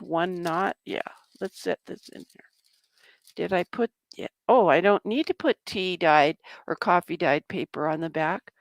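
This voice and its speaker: A woman's voice: on the low side, no room sound. A woman casually demonstrating a journal-making craft project, chatting to herself as she works. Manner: chatty, talks to herself while working. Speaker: craft vlogger.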